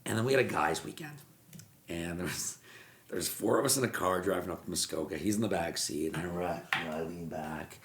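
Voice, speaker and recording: Deep-voiced man telling a lively story. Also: fairly quick, a little hiss or hum. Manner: animated storyteller, repeats words, acts out quotes. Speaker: mortgage broker, podcast guest. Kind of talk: storytelling interview chat. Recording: roomy echo.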